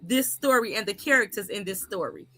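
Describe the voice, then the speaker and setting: A woman's voice: mid-range voice, fairly quick, a bit bright. A woman hosting a casual interview, encouraging her guest with frequent affirmations. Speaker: show host.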